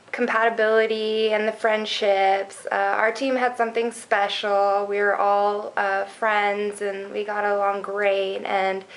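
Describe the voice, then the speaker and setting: A woman's voice: medium pitch, rough recording. A 22-year-old woman, a college runner, giving casual, hesitant interview answers with many fillers. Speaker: college cross-country runner.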